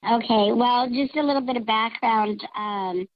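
A woman's voice: on the high side, a little slow, no room sound. A woman calling in anonymously through a voice changer, telling her confession in a chatty way with many fillers and self-corrections. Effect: voice changer morphing her voice. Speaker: anonymous caller confessing a secret. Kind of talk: casual storytelling on a call-in show. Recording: dull lo-fi voice-changed line.

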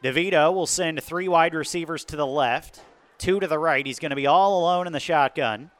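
A male American football announcer calls a game live, speaking briskly in a forceful, bright tone with a higher-set voice.

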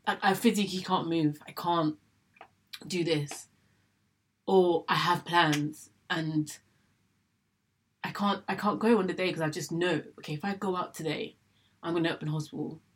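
Speaking at normal speed with a fairly low, steady, husky voice and frequent pauses, a young adult from England recounts her illness in a vlog. She's chatty and candid on camera, often repeating herself and acting out her earlier thoughts.

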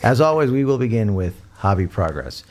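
A man's voice: lowish voice, sing-song, fairly quick, darkish tone. A man hosting a podcast in casual hobby chat, with an easygoing, jokey way of talking. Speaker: podcast host.

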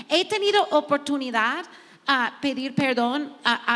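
A woman's voice: sits high, bright, forceful tone, long reverb tail. A woman pastor, not a Spanish speaker, sharing heartfelt testimony and reading scripture to other women. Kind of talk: sermon-style sharing.

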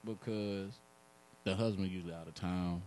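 Deep-voiced man talking blunt slang. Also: steady tone, moderate pace, darkish tone, a little hiss or hum. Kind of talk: casual group chat.

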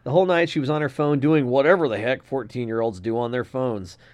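A man's voice: mid-range voice, fast talker, darkish tone. A man co-hosting a casual podcast, reading a listener letter aloud and giving blunt, opinionated takes with some swearing. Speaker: podcast co-host.

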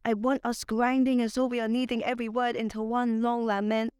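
A woman poet with a transatlantic accent, part British and part Barbadian, recites her verse with deliberate, dramatic phrasing. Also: a little high, level tone, a little mellow, smooth, no echo, studio quality. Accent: transatlantic mix of British and Barbadian. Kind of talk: poetry recitation.

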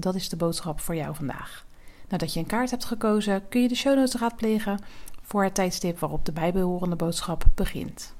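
Casting: woman podcast host and tarot reader, medium pitch, calm, measured scripted narration aimed at one listener.

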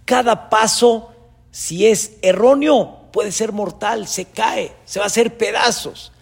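A man, a rabbi preaching a sermon with dramatic storytelling and sudden loud rises. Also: high-pitched, slow pace, gravelly, slightly rough.

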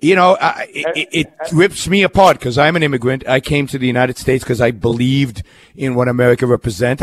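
A man's voice: mid-range voice, dry recording. A man from Israel hosting a call-in radio talk show, speaking earnestly with frequent restarts and fillers.

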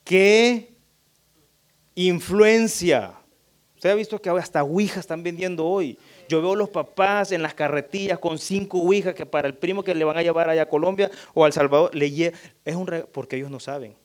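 A middle-aged man giving an emphatic, sermon-style talk on parenting, addressing the audience directly and jumping into high voices when he imitates children. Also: moderate pace. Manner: animated, jumps up high when voicing children. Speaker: church speaker on parenting.

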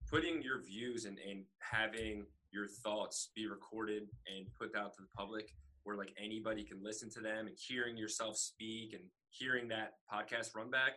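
A young adult man co-hosts a podcast in loose, casual chat. His voice sits on the low side but sounds bright and forceful. He rambles and fills gaps with "like". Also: fairly even intonation, normal speed, hardly any pauses, low-quality recording. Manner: rambling, filler-heavy with "like". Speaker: podcast co-host.

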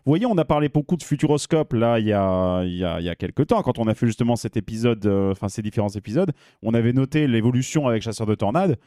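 A man in loose podcast chat, rambling from point to point and tossing in casual swears. His voice is mid-pitched and mellow, recorded close and dry. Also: expressive, fast talker, few pauses, dry recording. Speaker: podcast co-host.

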